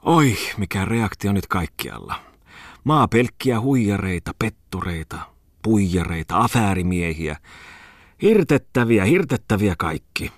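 A man's voice: on the low side, very animated, dry recording, clean studio sound, pitched above the performer's own voice. A man voicing a tipsy, emotional idealist who rants in a whining, pleading voice in an audiobook. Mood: lamenting. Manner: whiny, pleading, rhetorical outbursts.

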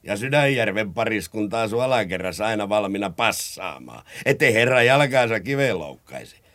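A drunken, mocking blackmailer. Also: male voice, on the low side, animated, a bit bright. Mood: taunting. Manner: mocking, taunting. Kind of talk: old radio drama acting.

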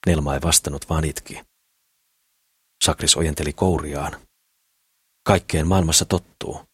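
A man reads scripted audiobook narration in a calm, steady storytelling manner, his very low voice carrying a husky grain. The recording is close and dry, with no room sound.

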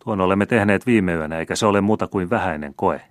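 An unbothered young scholar answers with easy, amused calm, as a male audiobook reader puts him on. The voice sits a little above a deep natural register. The sound is close and dry. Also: no echo, lightly acted. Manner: easy, mildly teasing, unbothered. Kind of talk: audiobook character reading.

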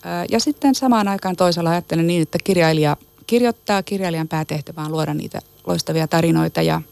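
A woman with a low, gravelly voice answers an interviewer's questions about her work as an agent. She talks emphatically, stacking up lists of words and often repeating words as she begins a phrase. The recording is close and dry. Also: darkish tone, dry recording. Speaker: literary agent, guest.

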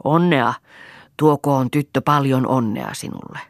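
A kindly old grandfather speaks gently and patiently, sounding pleased with the world, as a woman reading the story plays him. The voice sits low with a gravelly edge. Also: dry recording, clean studio sound. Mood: gentle.

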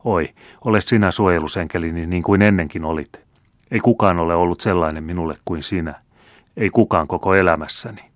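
A man's voice: deep voice, dry recording, studio quality, natural voice. A man reading the lines of a remorseful noble count in an audiobook, in an earnest, heartfelt way. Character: noble middle-aged male count, remorseful.

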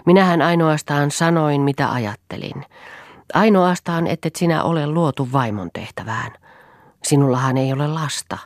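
A woman's voice: deep voice, lively intonation, dry recording, studio quality. A woman reading as an impassioned pleading man. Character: passionate man pleading with an old friend.

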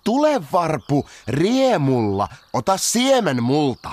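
A man's voice: a little high, huge pitch swings, darkish tone, slight background noise. A man voicing a hungry, suspicious male lynx in a radio comedy. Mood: smug. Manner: theatrical, quick to suspicion and outrage. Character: grown male lynx, hungry and paranoid predator.

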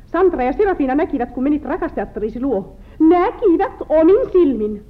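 A woman's voice: high voice, big pitch swings. An actress playing a distraught, jealous farm wife who accuses her husband and breaks into tears, in a 1940s film drama. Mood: accusing. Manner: tearful, accusing, fragile. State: crying. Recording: tinny old 1940s film soundtrack.

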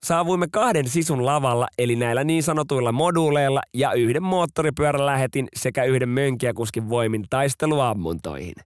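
A man hosting a podcast, narrating a scripted true story with expressive delivery. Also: mid-range voice, hardly any pauses, clear, resonant tone, no echo, studio quality.

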